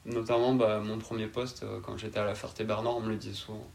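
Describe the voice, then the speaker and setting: Calm young man with southern French accent. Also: lowish voice, quick pace, vocal fry. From south of France. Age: 20s. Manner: calm, laid-back, hesitant. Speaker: interview guest. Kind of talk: casual interview answers.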